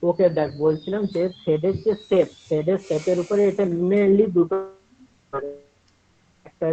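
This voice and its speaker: A male teacher with a high voice lectures over a tinny, phone-like online call. His audio keeps glitching and cutting out in fragments. He checks in with his students with frequent quick questions. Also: steady tone, warm tone, faint music behind.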